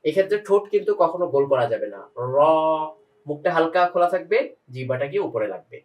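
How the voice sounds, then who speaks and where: A man's voice: on the high side, big pitch swings, racing, a little mellow, far from the mic, rough recording. A man teaching Quran pronunciation one-on-one, patiently demonstrating single sounds and quizzing his student.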